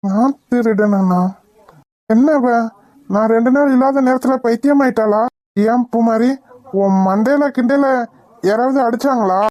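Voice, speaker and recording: A woman's voice: on the high side, a little slow, long pauses, dark tone, natural voice. A woman voicing a playful, blunt young village man in a cartoon, with a brusque, teasing delivery. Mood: puzzled. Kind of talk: cartoon voice acting.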